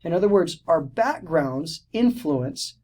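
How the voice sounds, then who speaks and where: Man, lecture narration for teachers, explanatory, restarts, fillers, slightly high pitch. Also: big pitch swings, takes it slowly, darkish tone. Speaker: teacher educator.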